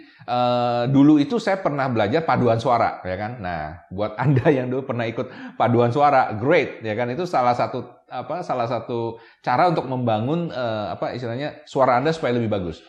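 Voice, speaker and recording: A man giving casual tips to camera as a YouTube presenter, chatty, often checking in with "ya kan?" and mixing in English words. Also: medium pitch. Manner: mixes English words into his talk. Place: room with a camera operator. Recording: echoey room.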